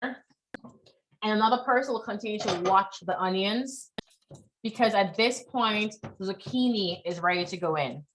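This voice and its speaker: A woman's voice: mid-range voice, moderate pace. Chatty lady chef teaching a cooking class online, keeps checking in w the group, faint noise behind. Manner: chatty, encouraging, often checks in with "right?". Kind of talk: live online cooking lesson.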